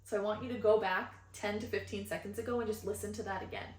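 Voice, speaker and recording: A woman's voice: mid-range voice, steady tone, fast talker, echoey room. A young adult woman hosting a spiritual podcast, talking earnestly and meanderingly, often tagging lines with "right?", recorded on a phone. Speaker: podcast host and channeler.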